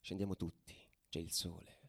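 This heavily acted piece features a deep-voiced man with vocal fry and little pitch movement, speaking at a moderate pace as a hardened young football ultra recounting his exploits. The intense, colloquial radio monologue keeps a tense storytelling mood, shifting from hushed to shouted. The sound is clean studio audio with no echo.

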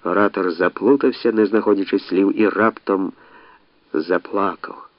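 A man reading a novel aloud in a measured, expressive narration. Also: deep voice, no echo, highs cut off. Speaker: audiobook narrator. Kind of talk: scripted narration.

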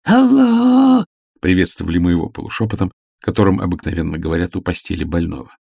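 A man narrating a humorous story as an audiobook, reading in an expressive literary manner. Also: deep voice, rapid-fire, creaky, breathy edge, dry recording, studio quality.

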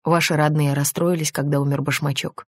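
A male police detective who presses on gently and persistently, keeping his questions soft and soothing, as a woman narrator voices him. The low, even reading sits dry and close to the mic. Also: brisk, no echo. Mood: coaxing. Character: male police detective, calm coaxing interrogator.

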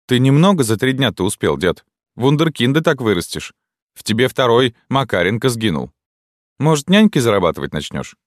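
A man voicing a sharp-tongued, hot-tempered young woman who mocks her stepfather. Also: sits low, lively intonation, moderate pace, no room sound, clean studio sound, pitched above the performer's own voice. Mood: mocking. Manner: sarcastic, biting.

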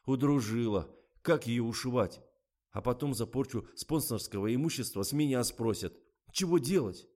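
A man voicing a sarcastic young woman in an audiobook, speaking in a mocking, quick manner. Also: mid-range voice, mellow, pitched above the performer's own voice, close to an everyday voice. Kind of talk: audiobook character voice.

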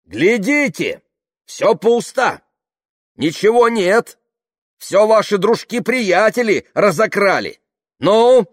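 A man voicing a tough, bossy middle-aged woman driver who shouts in a shrill voice. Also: normal speed, dry recording, clean studio sound, close to an everyday voice. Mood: shouting.

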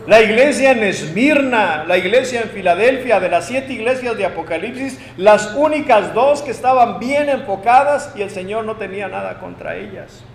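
High guy preaching a sermon, emphatic, loud then quiet, big echo from the church hall. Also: expressive, moderate pace, hardly any pauses, a little hiss or hum. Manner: emphatic, swings between loud proclamations and low asides.

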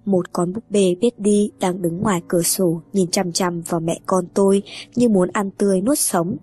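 A woman's voice: mid-range voice, fairly even intonation, normal speed, dark tone, slightly rough, soft background music. A woman reading a first-person horror story aloud in a tense, brooding way. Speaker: narrator. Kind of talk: scripted horror story narration.

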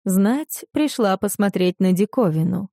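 Woman, audiobook narrator, warm low-toned voice, dry close sound, expressive scripted reading. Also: a little slow, no room sound.

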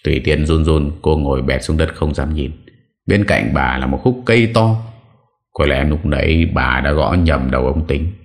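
A man narrating a horror audiobook in a steady, dramatic way. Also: very deep voice, moderate pace. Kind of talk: scripted horror story narration.

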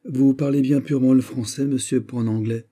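Un homme qui lit à voix haute et joue un vieux cardinal rusé au ton bref et querelleur. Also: male voice, medium pitch, fairly even intonation, brisk, warm tone, pitched above the performer's own voice, lightly acted. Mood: sec. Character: vieux cardinal ministre, rusé, irritable, ironique.

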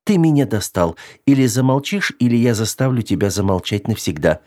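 A man voicing a cold female android who threatens calmly in a low, hissing tone. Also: a little fast, natural voice. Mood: menacing.

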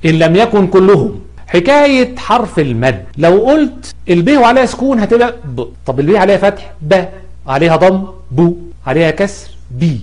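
A man's voice: high-pitched, a little mellow. A man with an Egyptian accent teaching an Arabic grammar lesson, explaining patiently and drawing out sounds to demonstrate pronunciation. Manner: corrective, emphatic about common mistakes.

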